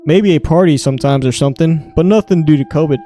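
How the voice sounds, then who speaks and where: A man's voice: a little high, fast, mellow, faint music behind. A young adult man hosting a podcast, casually reading online stories aloud in a crude, joking way. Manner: crude, joking, reads in clipped green-text style. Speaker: podcast host.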